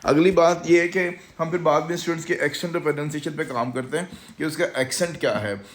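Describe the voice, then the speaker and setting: A man's voice: on the high side, fast. Confident Pakistani-accented man. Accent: Pakistani Urdu. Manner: confident, salesy, mixes English words into Urdu. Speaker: English course instructor. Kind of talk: promotional talk to camera. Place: language institute.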